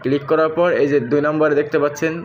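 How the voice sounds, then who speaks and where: A man with a Bangladeshi accent and a slightly high, monotone voice moves quickly through an app tutorial as a tech tutorial host. He speaks straight to viewers and recaps each step as he goes. The lo-fi audio carries faint background noise.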